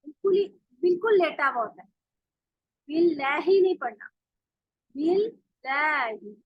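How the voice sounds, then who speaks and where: A woman teaching Quran recitation in an online class, patiently explaining and slowly modeling each sound. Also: sits high, dry recording. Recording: dull dry call audio.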